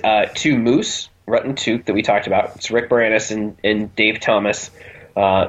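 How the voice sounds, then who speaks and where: A man's voice: mid-range voice, fairly bright tone, slightly rough, lo-fi sound. A man co-hosting a casual movie podcast, recapping the plot and leading the talk. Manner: recaps the plot, leads the discussion. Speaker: podcast co-host.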